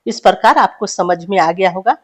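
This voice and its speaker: A woman's voice: medium pitch, normal speed, breathy edge. A woman teaching grammar to schoolchildren, who asks questions and answers them herself and repeats phrases. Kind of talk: classroom grammar lesson for children.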